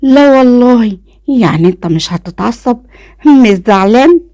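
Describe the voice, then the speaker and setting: A woman with an Egyptian accent voicing a stubborn, quick-tempered young woman in a spoken story. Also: gravelly, a little mellow, no echo, studio quality, close to an everyday voice. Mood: exasperated. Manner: exclaiming, high-pitched outbursts.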